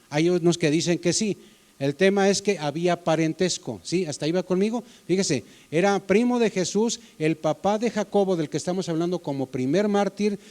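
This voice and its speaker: A man's voice: high voice, a little mellow. A man preaching a sermon in a church as the pastor, in a conversational way, often asking the congregation questions.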